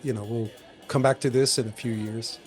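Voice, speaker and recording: A man hosting a podcast in casual conversation, talking in loose, restarting sentences with animated bursts. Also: mid-range voice, a little fast, soft background music. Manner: rambling, many restarts, animated. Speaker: podcast host.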